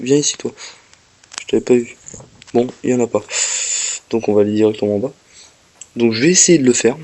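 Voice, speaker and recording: A man at a middle pitch gives casual gameplay commentary, walking viewers through each step as he plays. He is a little ill and talks to the game now and then. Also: warm tone, a little hiss or hum. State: slightly ill, coughing.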